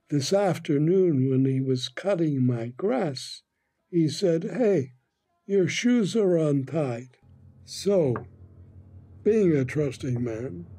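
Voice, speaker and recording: An aggrieved, vengeful old father played by a man pleads in a mafia comedy sketch. The voice is fairly high for a man and husky, moving at a slow, halting, wounded pace. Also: mellow, full character voice. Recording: music playing under the voice.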